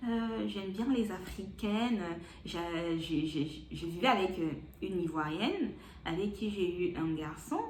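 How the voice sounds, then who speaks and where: A woman's voice: medium pitch, animated, unhurried, roomy sound, a little hiss or hum, natural voice. A woman with a Gabonese French accent voicing a chatty, overfamiliar male stranger who stammers. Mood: friendly. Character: chatty, overfamiliar middle-aged man stranger.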